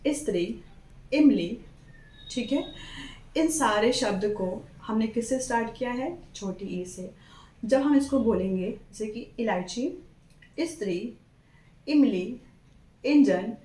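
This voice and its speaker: A patient woman teacher walks young children through their letters, stressing and repeating each word. Her voice sits a little high and rings in a roomy, echoey classroom. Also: darkish tone.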